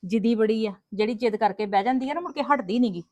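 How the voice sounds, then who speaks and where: A woman's voice: a little high, darkish tone, dry recording, natural voice. A woman playing a strict but loving mother who scolds and coaxes her daughters in a family drama. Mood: scolding. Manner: quick, scolding, then coaxing. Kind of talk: homemade family drama acting.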